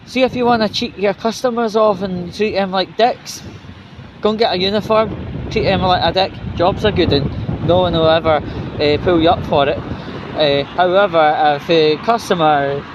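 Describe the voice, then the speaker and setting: A British vlogger rambles through a casual, sweary rant to his viewers, indignant and sarcastic. His voice is high and moderately paced, on a dull lo-fi recording swamped by loud outdoor traffic noise.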